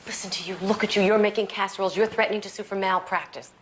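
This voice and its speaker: A woman's voice: mid-range voice, rapid-fire, natural voice. An actress playing a blunt, sarcastic young woman lawyer arguing with her family in a film drama. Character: sharp-tongued young woman lawyer, sister. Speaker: lawyer sister. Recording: film soundtrack with steady background noise.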